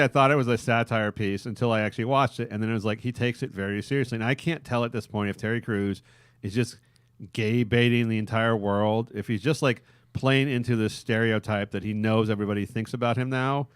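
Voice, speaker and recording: A man's voice: medium pitch, a little fast, clean tone, no echo, studio quality. A man hosting a podcast, rambling crudely with frequent laughter. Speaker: podcast host. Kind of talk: casual crude podcast banter.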